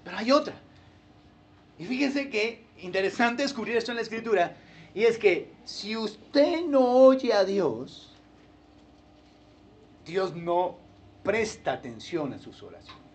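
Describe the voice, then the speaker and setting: A man's voice: high-pitched, slow, long pauses. A male pastor, preaching a sermon and acting out churchgoers in playful voices. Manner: animated, acts out churchgoers in funny voices.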